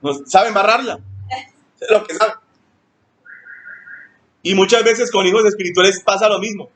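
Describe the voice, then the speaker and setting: A male pastor, preaching a sermon in an animated way and acting out church members in high mocking voices. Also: normal speed.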